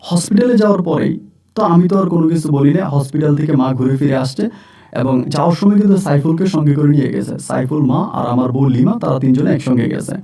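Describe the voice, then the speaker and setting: A man's voice: a little high, fairly quick, vocal fry, warm tone. A man telling his own story in a casual first-person way, plain and repetitive, with frequent fillers. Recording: voice distant from the mic.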